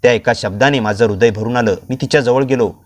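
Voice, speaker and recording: A man narrating a dramatic first-person story in a steady, scripted storytelling voice. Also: medium pitch, fast talker.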